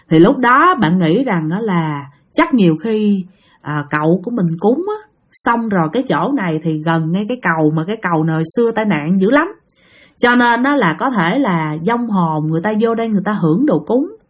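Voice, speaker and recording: A woman with a Southern Vietnamese accent and a slight cough, hosting a ghost story channel and telling stories in a casual, chatty way that often speaks straight to her listeners. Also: mid-range voice. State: has a cough.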